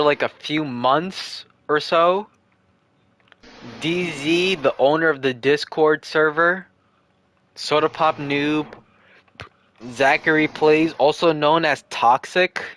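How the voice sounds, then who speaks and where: An American streamer in his early twenties answers questions in a casual livestream Q&A, earnest and rambling, repeating himself while he thinks aloud. His voice is on the high side and a bit bright, with slight background noise.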